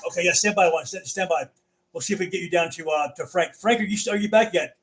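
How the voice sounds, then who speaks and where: A man runs an amateur radio net in a casual, conversational way. His voice sits a little high, and he talks haltingly, often repeating words as he goes. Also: background noise.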